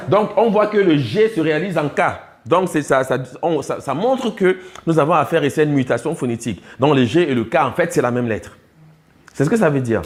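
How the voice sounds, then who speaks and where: A man teaching a class, explaining step by step and often checking whether his students have followed. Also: fairly high pitch. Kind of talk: classroom lecture on language.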